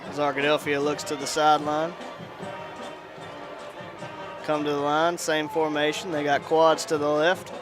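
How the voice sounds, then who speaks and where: Over music and crowd noise, a man on a headset calls live play-by-play at an outdoor high school football stadium. His voice is fairly high and brisk, his delivery completely flat, though his energy rises on big plays.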